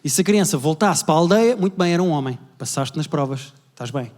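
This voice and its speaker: A high-voiced young man with a European Portuguese accent rattles off stand-up material at speed. He plays his relatives in quick bursts in front of a live audience, and his voice rings with the long reverb of a big hall. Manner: rapid, animated storytelling, acting out family members. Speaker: stand-up comedian. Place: large indoor venue with a live audience.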